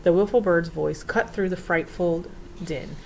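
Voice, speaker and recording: A woman narrating a children's storybook in an expressive, theatrical way. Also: fairly low pitch, a little slow, creaky, a little hiss or hum, poor audio. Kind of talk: storybook reading.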